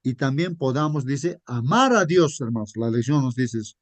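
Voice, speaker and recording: A man's voice: medium pitch, expressive, normal speed, dry recording. A man giving an informal sermon as a Sabbath school teacher, telling stories in a conversational way and often calling his listeners brothers. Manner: conversational, adds frequent tag questions.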